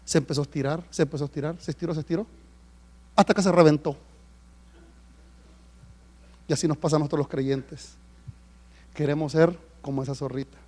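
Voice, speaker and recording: A man preaching a sermon as pastor, telling stories with sudden swings from hushed to loud. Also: on the high side, fast. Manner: animated storytelling, swinging between hushed and loud. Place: church service.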